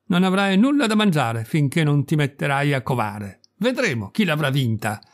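A man reading a story aloud, voicing a bossy, furious old peasant wife in a shrill, scolding voice. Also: very animated, moderate pace.

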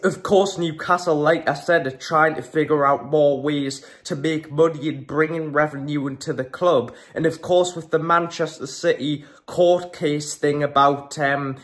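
A man's voice: on the high side, fairly even intonation, measured pace, hardly any pauses, fairly bright tone. A teenage guy vlogging to camera at home, chatty and opinionated, with frequent ums and restarts. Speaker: football vlogger. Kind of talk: casual vlog to camera. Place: small room at home, indoors.

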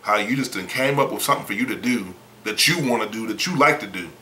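A man's voice: fairly low pitch, fast talker, pushed and bright, a little hiss or hum. Man, preacher, folksy and emphatic, sermon, roomy echo. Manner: blunt, emphatic, folksy, repeats words.

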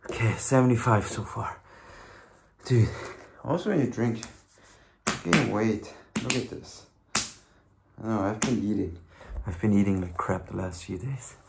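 Slow, creaky, weary young man doing push-ups. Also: on the low side, very noisy. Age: young adult. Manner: breathy exertion between push-ups, sighing; slow, sluggish, weary delivery. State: hungover and tired. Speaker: fitness vlogger. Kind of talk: casual motivational chat. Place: small bedroom, indoors. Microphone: camera on the floor about a metre away.

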